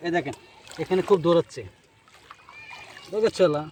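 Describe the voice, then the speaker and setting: A man's voice: fairly high pitch, animated, a little fast, warm tone, a little hiss or hum. A man from Bangladesh, talking casually outdoors by the water while he fishes and tells the camera person where to stand. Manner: directs the camera person while handling a net. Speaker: fishing vlogger.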